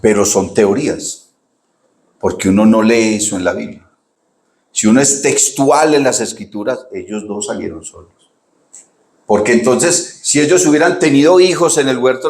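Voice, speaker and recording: A male pastor, preaching an animated sermon full of rhetorical questions and direct address to his listeners. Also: fairly low pitch, roomy sound.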